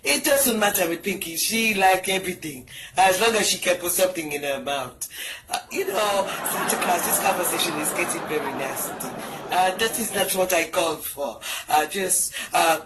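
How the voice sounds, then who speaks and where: In a small indoor room, a middle-aged comedian with a British Jamaican accent makes a bawdy, patois-flavored prank-style phone call, captured close on a phone camera with wired earphones. Her voice is fairly low, with background noise present.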